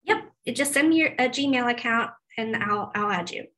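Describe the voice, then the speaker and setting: The audio is poor as this woman in her forties, a web development presenter, runs a staff training through a video call on her laptop mic. Her pitch is fairly high, her tone fairly bright, and her pace moderate. She talks in a chatty way, often pausing on ums and beginning again.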